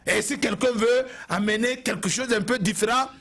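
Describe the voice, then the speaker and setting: A man's voice: extremely high pitch, moderate pace, a bit bright. A man from Togo, giving an impassioned TV address and repeating phrases for emphasis. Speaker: TV commentator.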